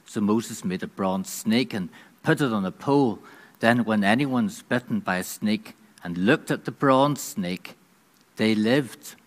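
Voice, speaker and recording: A man's voice: fairly low pitch, measured pace. A man preaching a conversational sermon, with frequent restarts and acted-out voices. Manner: conversational, hesitant with restarts, dramatizing.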